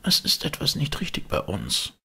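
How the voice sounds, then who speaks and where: A man reading aloud, voicing a frightened old male servant who speaks in a trembling, hoarse voice. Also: fairly low pitch, very animated, measured pace, a bit bright, voice pushed up, full character voice. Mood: fearful, trembling.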